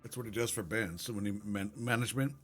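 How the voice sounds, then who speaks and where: A man's voice: lowish voice, quick pace, fairly bright tone, faint music behind. A man playing a tabletop role-playing game, speaking in a rambling, casual way and laughing easily. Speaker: player.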